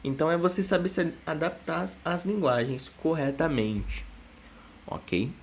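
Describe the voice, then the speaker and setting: A man's voice: fairly high pitch, measured pace, gravelly, slight background noise. A young man, a psychologist giving a casual explanatory lesson, full of "né?" checks with his listeners. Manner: chatty, constant "né?" tag questions.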